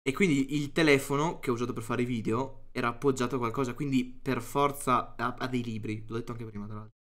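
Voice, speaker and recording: A man's voice: medium pitch, fairly even intonation, quick pace, a bit bright. A young man doing casual, profane, self-mocking stream commentary.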